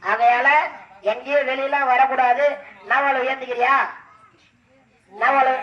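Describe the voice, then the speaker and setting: A man leading a temple ritual, coaxing a possessed devotee with repeated questions and sudden shouted calls. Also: very high-pitched, level tone, measured pace, highs cut off. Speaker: temple ritual drummer and officiant. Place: temple festival. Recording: echoey, distant mic. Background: drums and music.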